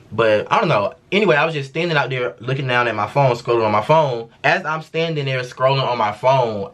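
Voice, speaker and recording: A man's voice: medium pitch, fairly bright tone. A young man, telling a storytime vlog in a casual, profane, slangy way. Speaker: vlogger.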